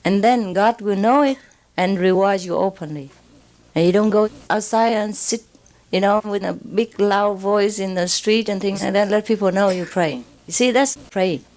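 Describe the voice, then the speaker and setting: A spiritual teacher with a Vietnamese accent gives an informal, rambling spiritual lecture, often checking in with listeners with "you know" and "huh?" and chuckling frequently. Her voice is medium-pitched, moderately paced, and a little mellow, though the audio quality is poor.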